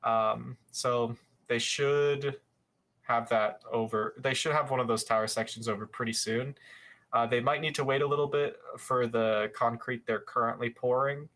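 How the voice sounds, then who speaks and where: A young man hosting a live show, giving casual commentary over footage, rambling with many fillers and quick self-corrections. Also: mid-range voice, steady tone, fairly bright tone.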